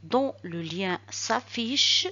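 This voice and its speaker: A woman teacher speaks at a very slow, deliberate pace, repeating each example word carefully. Her voice is slightly husky and her pitch moves in a lively way. The recording sounds dull and lo-fi. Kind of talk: recorded reading lesson.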